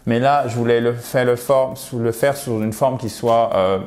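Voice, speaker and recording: Here the English teacher's voice is mid-range and darkish, with fairly even intonation and a moderate pace. In his chatty video lesson on pronunciation, he goes step by step, models sounds through repetition, and keeps asking "ok?" or "d'accord?".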